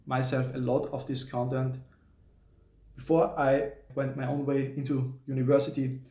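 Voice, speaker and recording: In this casual talking-head vlog, the host is a thirtysomething Austrian software engineer whose native tongue is German; his English is careful and hesitant, with an Austrian German accent and little restarts. He speaks in a mid-range, dark voice at a moderate pace with little pitch movement. A distant mic makes the audio roomy.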